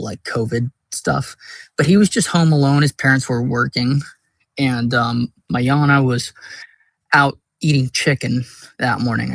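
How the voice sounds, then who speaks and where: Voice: mid-range voice, creaky, husky, dry recording. A casual storyteller telling a long tale, rambling with many fillers and crude words.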